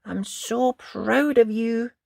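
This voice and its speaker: A storyteller as Little Dot, plucky high-voiced little girl. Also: slow pace, creaky, dry recording, clean studio sound. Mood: tender, happy. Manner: earnest, expressive, childlike.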